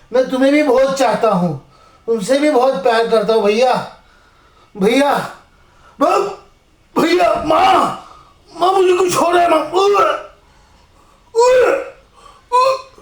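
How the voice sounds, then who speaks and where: A man's voice: very high-pitched, echoey room. A man playing a heartbroken young son who has been poisoned by his mother, pleading with her in a solo stage monologue.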